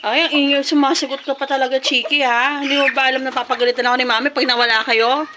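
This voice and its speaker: A woman vlogging playfully in her backyard, mixing English and Tagalog and calling to her chickens in high clucking cries. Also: little pitch movement, fast talker, background noise. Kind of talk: casual vlog. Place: backyard chicken coop, outdoors. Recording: outdoors with roosters and clucking hens.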